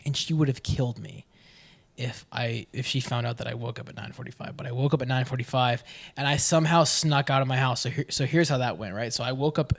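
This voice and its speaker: A young man on a laid-back podcast rambles through a story from his school days. He stumbles, backs up and starts his sentences over, and he speaks at an even, middling pitch. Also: quick pace, vocal fry. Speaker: podcast co-host. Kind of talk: casual chat.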